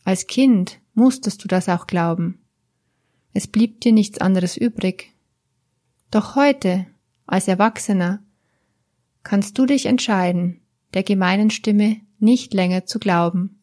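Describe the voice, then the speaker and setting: A woman coach speaking to the listener in a calm, gentle way, guiding them through their thoughts step by step. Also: medium pitch, slow pace, long pauses. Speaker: therapist or coach. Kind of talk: slow, guiding talk to the listener.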